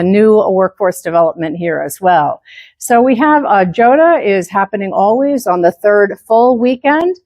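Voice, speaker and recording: This woman in her 70s, a former teacher now a section manager, gives a conference talk to her club while moving around the room. Her medium-pitched voice has a darkish tone and sounds dry and close with no echo. She leans on filler words and often restarts her sentences.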